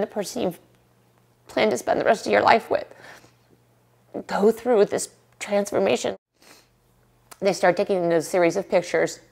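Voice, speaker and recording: A woman telling a personal story in an animated, casual way, full of fillers. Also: mid-range voice, creaky. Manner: animated, acts out quotes, casual fillers like "like" and "right?". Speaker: interviewee telling her story.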